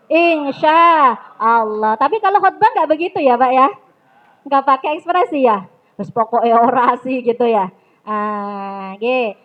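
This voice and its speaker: A woman coaxes and drills her audience in a public speaking class and slips into story as she goes. Her voice sits high and her delivery is unhurried. The recording from the mosque hall sounds dull and lo-fi. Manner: lively, coaxing the audience, mixes in Javanese. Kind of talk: interactive training talk with storytelling.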